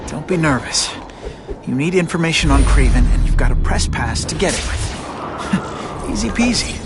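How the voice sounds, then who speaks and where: An actor playing an earnest young photographer and secret superhero in a video game, boyish, tentative and conversational. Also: male voice, on the high side, big pitch swings, normal speed, over loud music. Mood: self-coaching.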